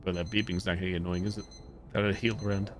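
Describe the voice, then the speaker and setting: Low-voiced man muttering over gameplay. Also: flat delivery, rapid-fire, noisy background. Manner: muttering, reading game prompts aloud. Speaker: game streamer. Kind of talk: live gameplay commentary.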